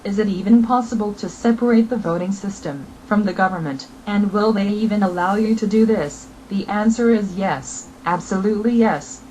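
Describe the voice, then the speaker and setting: A woman narrates a scripted political message at an average pitch. Her delivery is formal and declarative. A faint noise sits behind the voice. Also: normal speed, few pauses, darkish tone, rough recording.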